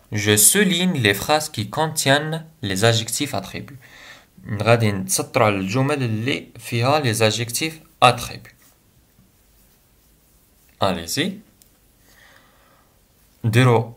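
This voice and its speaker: A young man with an Algerian accent teaching a French grammar lesson, saying examples slowly and then translating them quickly into Arabic. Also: mid-range voice, fairly bright tone.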